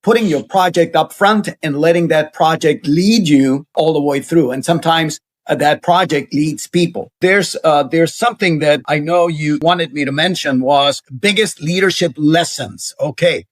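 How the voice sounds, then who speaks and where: As a guest in an interview, a university center director shares stories in an earnest, conversational manner full of hesitations and fillers. He has a fairly high voice, moves at a normal pace, and pauses only a little.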